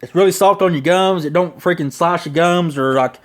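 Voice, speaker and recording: A man's voice: a little high, brisk. A man with a Southern US accent giving a casual, rambling, slangy review, talking around a lip packed full of dipping tobacco. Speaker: product reviewer.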